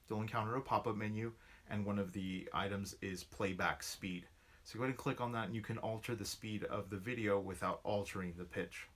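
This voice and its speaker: A man giving an online guitar lesson, patiently counting beats and calling out strum patterns. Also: on the low side. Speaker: guitar instructor. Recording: loud guitar playing under the voice.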